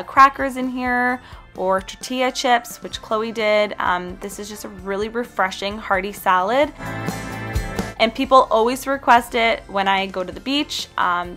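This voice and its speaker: Speaking at medium pitch with a sharp tone, a young woman from Canada narrates her healthy food vlog. Her voice-over is casual and upbeat, full of direct chat and food recommendations, set against faint background music.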